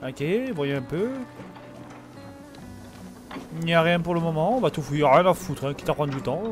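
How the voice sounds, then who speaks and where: A man's voice: on the high side, fast, music in the background. A young man from France giving casual, jokey commentary while playing a video game, full of slang and banter. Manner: reads tutorial text aloud. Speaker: gamer streamer. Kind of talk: casual let's play commentary.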